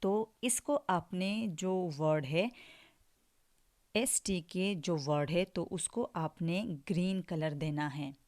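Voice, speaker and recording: A woman's voice: on the low side, darkish tone. A woman teacher giving an online English phonics lesson in Hindi mixed with English, spelling each word letter by letter and then saying it, with a frequent "theek hai". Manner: slow drills, spells words letter by letter then says them; mixes English words into Hindi, repeats "ठीक है" often.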